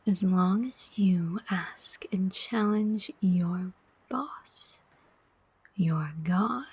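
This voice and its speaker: In an ASMR roleplay, a woman plays a sardonic demon who collects souls, speaking in a very breathy whisper stretched out very slowly. The demon coaxes, bargains and persuades through pointed, deliberate questions, in a full character voice. Her pitch is medium and her tone darkish, with no echo.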